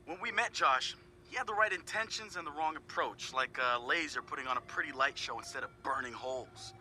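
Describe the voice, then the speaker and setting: An actor voices a relaxed young hacker candidly appraising his teammates in a game audio log, dropping wry, profane asides in a casual tone. The medium-pitched, sharp voice moves briskly, and the rough recording has a little hiss or hum with clear music underneath.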